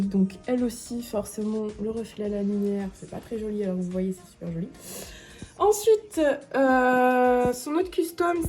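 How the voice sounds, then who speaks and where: A woman's voice: fairly high pitch, a little mellow. A young woman with a southern French accent chatting casually as she shows off dolls, gushing with lots of fillers. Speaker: doll collector vlogger. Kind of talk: casual show-and-tell vlog.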